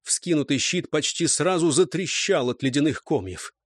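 A man narrates an audiobook with a dramatic, vivid delivery. His voice is somewhat high and very lively in pitch, and the recording is dry and close. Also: normal speed, dry recording.

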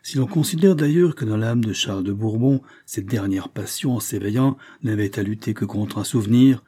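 Husky, dark-voiced male reader. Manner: measured reading, raising pitch and volume for dialogue. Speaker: audiobook reader. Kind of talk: scripted narration of a historical novel.

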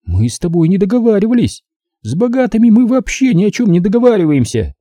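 A man voicing a sadistic young woman kidnapper who gloats and taunts in a shrill, high voice in an audiobook. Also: sing-song, quick pace, warm tone, no room sound, studio quality. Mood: hateful. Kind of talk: audiobook character voice.

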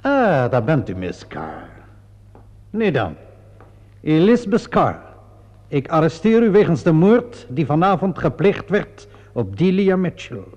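A slightly high, darkish male voice, very animated, plays a shrewd police inspector closing in on a suspect in a radio drama. The mood is triumphant and formal, his questions insinuating, theatrically deliberate and falsely polite. The vintage recording is dull and muffled.

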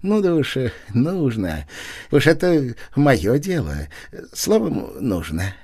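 A man voicing a smooth, evasive male schemer who wheedles and takes offense with dignity, in a lively voice. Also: mid-range voice, slow pace, exaggerated voice. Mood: wheedling.

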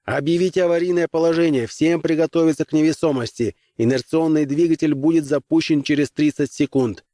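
A man's voice: a little high, steady tone, brisk, few pauses, warm tone, dry recording, studio quality, voice pushed up, lightly acted. A male audiobook reader voicing an indignant young starship lieutenant who argues and barks orders heatedly. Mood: commanding. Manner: heated, defiant, barking.

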